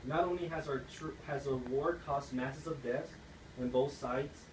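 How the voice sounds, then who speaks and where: A man's voice: medium pitch, steady tone, unhurried. A young man from the United States giving an earnest persuasive speech, read aloud like a class assignment. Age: young adult. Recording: echoey room, distant mic, noisy.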